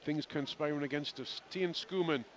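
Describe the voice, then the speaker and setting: A man giving live play-by-play radio commentary on a rugby match, with rapid running calls and chatty asides to his co-commentator. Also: on the high side. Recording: lo-fi broadcast with outdoor crowd noise.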